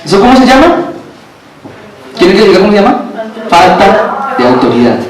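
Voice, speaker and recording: A man's voice: high-pitched, big pitch swings, normal speed, crowd noise. A man preaching a sermon, asking the congregation questions and repeating phrases for emphasis. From Colombia. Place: church hall. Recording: very echoey hall, from far off, faint background noise.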